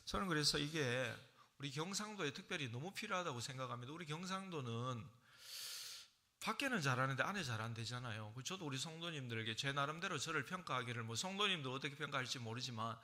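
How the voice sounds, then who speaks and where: A middle-aged man with a Gyeongsang accent preaching a sermon in a church, telling stories in a conversational way and acting out what people say in sudden loud, high bursts. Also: animated, quick pace. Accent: Gyeongsang Korean. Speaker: senior pastor. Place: church sanctuary.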